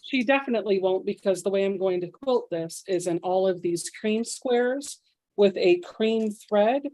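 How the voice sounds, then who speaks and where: A woman's voice: medium pitch, a little slow, warm tone, dry recording, poor audio. A woman in a casual sewing chat, matter-of-fact as she explains her quilting plans. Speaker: quilter co-host.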